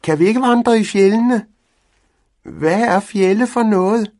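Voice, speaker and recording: A man voicing an eager, cheeky young male cat in a storybook reading, in a raspy, high, excited voice. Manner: excited, quick questions.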